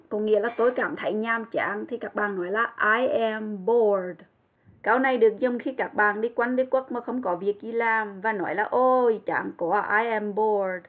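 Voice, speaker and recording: A woman teaching an English lesson, speaking carefully and repeating words for pronunciation. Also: on the high side. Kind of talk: language lesson. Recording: tinny phone-like sound.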